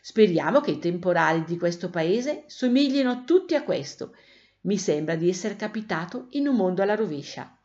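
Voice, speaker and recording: A woman's voice: lowish voice, sing-song, moderate pace, a little mellow. Woman voicing a puzzled, gloomy young man. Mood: bewildered. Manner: bewildered, downcast. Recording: dull lo-fi recording.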